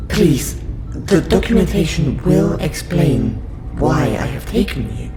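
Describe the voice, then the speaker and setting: A man voices a polite, patient male alien scientist who has abducted a human and is interviewing them in an audio roleplay addressed to the listener. His voice is on the high side, and he speaks formally, precisely, courteously and in a measured way. The recording has a roomy echo and a loud background music bed.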